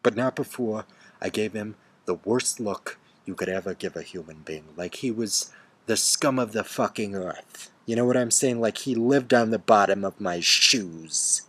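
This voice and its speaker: A man telling a bitter story in an angry rant, swearing and swinging from hushed seething to loud outbursts. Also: fairly low pitch, measured pace. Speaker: storyteller ranting to camera. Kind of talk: angry first-person rant.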